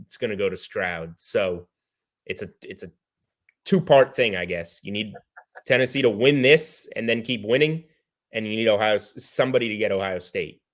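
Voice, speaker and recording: A man's voice: on the low side, normal speed. An American man giving sports betting analysis as a guest in casual chat, thinking aloud as he goes.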